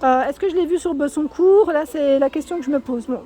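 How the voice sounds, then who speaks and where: A woman's voice: sits high, fairly quick. A woman vlogging a walk through a furniture store, reading out prices and sizes one by one and correcting herself now and then. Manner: reads out prices and sizes in a steady list, with small self-corrections. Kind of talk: casual store walkthrough vlog.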